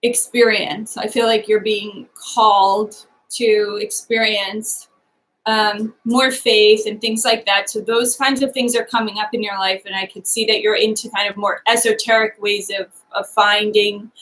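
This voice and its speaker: A woman giving a live psychic reading, speaking gently and haltingly with many pauses and fillers, often voicing the sitter's feelings in the first person. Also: medium pitch, level tone, rough recording. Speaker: psychic medium.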